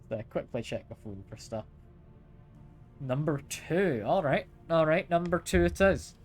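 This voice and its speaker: A man's voice: on the high side, expressive, slow, pauses often, faint music behind. A man streaming a game live, chatting casually, asking his viewers questions and chuckling often. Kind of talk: casual live gameplay chat.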